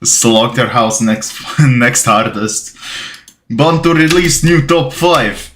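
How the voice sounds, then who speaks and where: Bright-voiced Bulgarian-born streamer man. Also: mid-range voice, slow pace. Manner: rambling, reads chat aloud, thanks followers. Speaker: gaming livestreamer. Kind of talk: casual livestream chat.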